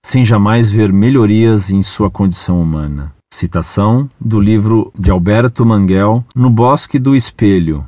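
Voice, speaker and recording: A man reading a listener's letter aloud in a measured, deliberate way, phrases falling at the ends. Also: lowish voice, darkish tone, no echo, highs cut off.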